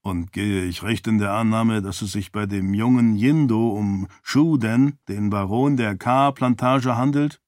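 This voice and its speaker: A man's voice: lowish voice, unhurried, hardly any pauses, darkish tone, dry recording, studio quality, natural voice. A man voicing a blunt, hungry male farmer companion in an audiobook, plain and matter-of-fact. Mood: skeptical.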